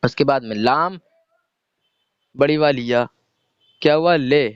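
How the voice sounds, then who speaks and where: A man's voice: mid-range voice, clear, resonant tone, dry recording. A man teaching a reading lesson, patiently spelling out letters and sounds one by one and asking questions he answers himself. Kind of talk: slow step-by-step reading lesson. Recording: dull lo-fi sound.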